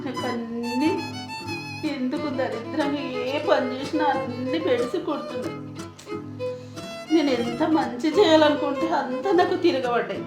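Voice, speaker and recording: An actress playing a despairing, indebted village sarpanch, speaking in pleading, bitter complaints. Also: female voice, fairly high pitch, fairly quick, long pauses, over loud music, close to an everyday voice. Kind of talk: village comedy drama acting.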